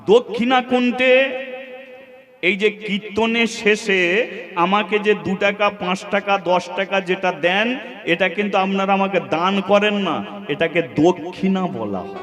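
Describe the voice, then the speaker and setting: A man's voice: high voice, a little slow, fairly bright tone. A man telling a devotional story as a kirtan preacher before a seated audience, asking the listeners questions and repeating lists. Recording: reverberant live recording with instruments.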